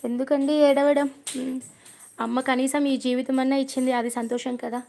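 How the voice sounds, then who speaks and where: A woman's voice: high voice, level tone, moderate pace, vocal fry, a little mellow, faint music behind. A young woman hosting a devotional livestream from home on her phone, chatting casually, telling stories and reading viewer comments aloud. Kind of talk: casual live chat with viewers. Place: home prayer room.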